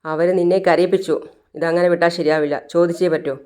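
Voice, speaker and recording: Brief: a firm, protective young husband, read plainly by a storyteller, pressing with questions, smooth clear tone. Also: mid-range voice, little pitch movement, fast, a little mellow, close to an everyday voice. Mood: insistent.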